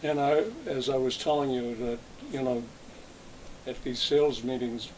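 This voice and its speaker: A man's voice: mid-range voice, fairly even intonation, normal speed, background noise. An older man in an oral history interview, recalling his working years in a rambling way with many restarts. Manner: rambling, reminiscing with frequent restarts. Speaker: interviewee, retired salesman.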